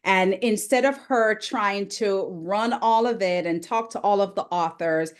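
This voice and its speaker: A woman's voice: mid-range voice, a little slow. A woman moderating a live book launch on a video call. She speaks with enthusiasm and asks the host questions. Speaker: moderator and interviewer. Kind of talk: live launch event interview. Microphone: video conference call.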